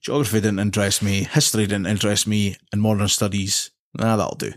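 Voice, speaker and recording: A man's voice: fairly low pitch, little pitch movement, fairly quick, dry recording, clean studio sound. A man hosting a podcast, asking questions casually and teasing his guest. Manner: joking, teasing. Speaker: podcast host. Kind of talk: casual chat.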